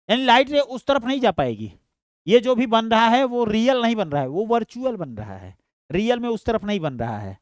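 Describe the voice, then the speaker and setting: A man teaches science to students online. He talks through each step in a lively voice that swings up and down, fondly calls them "beta", and keeps checking that they understand. The sound is dry, with no room echo. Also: sits high, clean tone.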